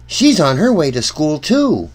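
A man's slightly high voice carries an animated, deliberate storybook reading aimed squarely at young listeners.

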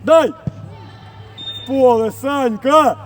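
Man coach yelling encouragement. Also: very high voice, slow pace, soft background music. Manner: loud encouraging calls and praise. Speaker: youth football coach. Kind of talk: sideline shouting. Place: outdoor football pitch.

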